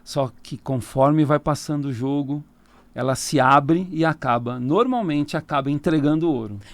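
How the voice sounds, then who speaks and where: A man's voice: a little high, moderate pace, dry recording. A man with a Brazilian Portuguese accent, a tarot reader talking casually as a radio interview guest, explaining at length and laughing easily. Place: radio studio.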